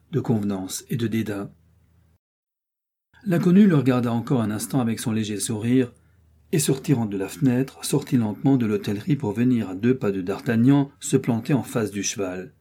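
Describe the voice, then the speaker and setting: A man narrating a classic novel as an audiobook, in a steady, measured storytelling manner. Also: lowish voice.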